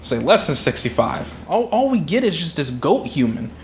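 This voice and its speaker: A man's voice: fairly high pitch, moderate pace, a little hiss or hum. A young man co-hosting a podcast, chatting casually about a film, acting out reactions and swearing freely. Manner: animated, acts out reactions, swears. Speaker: podcast co-host. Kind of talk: casual film review chat.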